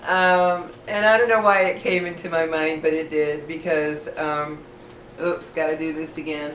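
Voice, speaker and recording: A middle-aged woman chats casually to her viewers in a rambling, self-deprecating way. Missing teeth make her speech slightly slurred, with soft F sounds. She sounds set back from the mic in an echoey room, with faint noise behind her. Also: low voice, flat delivery, moderate pace, distant mic. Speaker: vlogger. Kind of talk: casual rambling personal storytelling to camera.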